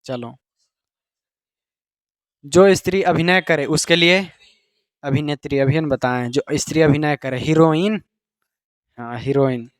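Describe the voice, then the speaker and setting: A man's voice: on the high side, measured pace, long pauses, dry recording, studio quality. A man with a Bihari Hindi accent teaching a class in a casual, chatty way, often quizzing his students. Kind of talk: classroom lecture.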